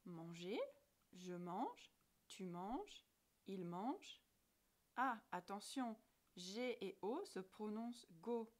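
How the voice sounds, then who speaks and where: Slow, carefully spoken woman teacher. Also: medium pitch. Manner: slow, careful articulation, spelling out letters one by one. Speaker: French language teacher. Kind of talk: scripted grammar lesson narration.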